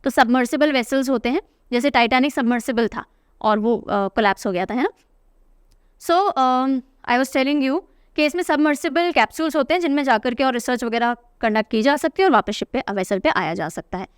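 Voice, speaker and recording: A young woman gives an exam-prep current affairs lesson, asking questions aloud and answering them herself. Her voice sits high and rings clean and resonant. The sound is dry and close, with no room echo. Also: normal speed, clear, resonant tone. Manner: explanatory, asks and answers her own questions. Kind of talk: exam-prep lecture, Hindi mixed with English.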